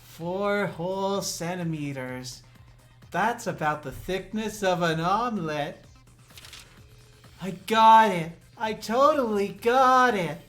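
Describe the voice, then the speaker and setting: Streamer voicing a sad, unsettlingly calm child reading a diary; slow, soft delivery over quiet game music. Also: mid-range voice, pitched above the performer's own voice. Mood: eerily calm. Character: sad child who feels hated by mother. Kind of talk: reading a diary entry aloud in character.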